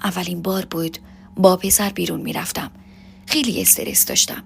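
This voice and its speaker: A woman narrating a first-person love story for an audio podcast, recounting it in a soft, intimate way. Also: fairly low pitch, fairly even intonation, vocal fry, slight background noise.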